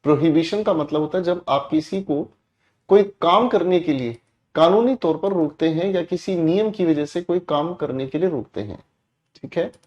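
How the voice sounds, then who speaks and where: A male English teacher giving an online class, repeating points and checking often with his students, his delivery swinging between loud emphasis and soft low lines. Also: moderate pace, dull audio. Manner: repetitive, addresses students directly, asks check questions.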